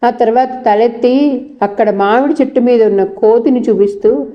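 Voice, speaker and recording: A woman narrating a novel in a steady storytelling manner. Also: a little high, moderate pace, muffled recording.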